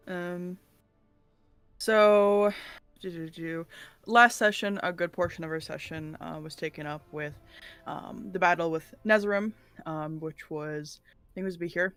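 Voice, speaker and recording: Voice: mid-range voice, fairly bright tone, clean tone. A player in a tabletop game, teasing the others and recapping the last session in a rambling way with many fillers. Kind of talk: casual chat and session recap.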